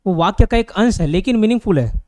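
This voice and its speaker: A man's voice: high voice, lively intonation, warm tone, dry recording. A man with an Indian accent teaching an online grammar lesson. He explains step by step and keeps asking his students whether they follow. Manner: explains slowly, with many checking questions.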